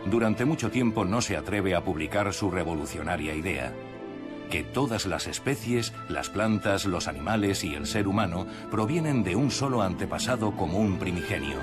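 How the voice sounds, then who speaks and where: A man with a fairly low voice narrates a nature documentary from a script. Music plays clearly behind him as he speaks. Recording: music under the voice. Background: prominent music.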